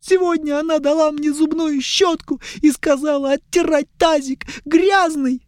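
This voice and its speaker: A man's voice: very high-pitched, steady tone, a little slow, no echo, clean studio sound, pitched above the performer's own voice. A man doing a whiny, tearful young elf. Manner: pleading, plaintive, near tears. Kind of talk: audiobook character voice.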